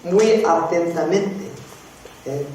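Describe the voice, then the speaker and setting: Male pastor, slow deliberate sermon, distant mic, heavy hall echo, faint background noise. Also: a little high, darkish tone. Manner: slow, repeats phrases, frequent "eh?" prompts to the congregation. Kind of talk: sermon teaching. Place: church hall. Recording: very echoey hall, from far off.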